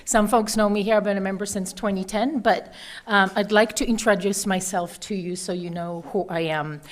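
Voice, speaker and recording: A woman's voice: mid-range voice, steady tone, moderate pace. Woman, Polish accent, candidate, earnest, prepared statement, some fillers. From Poland. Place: meeting hall.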